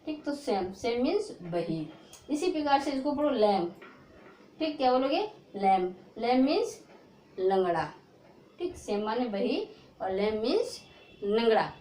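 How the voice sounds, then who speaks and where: A woman teacher explaining spelling rules to students, slowly sounding out letters and often checking in with her class. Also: a little high, big pitch swings, mellow, slight background noise. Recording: echoey room.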